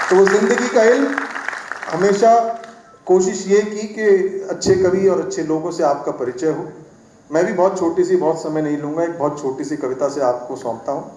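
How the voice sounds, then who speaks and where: A middle-aged male poet speaks to a live audience on a stage mic, his voice mellow and a touch high. He talks in an earnest, reflective way, building toward his poem. The large hall adds a roomy echo. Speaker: satirical poet. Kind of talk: live address before a poetry reading. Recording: echoey live hall sound.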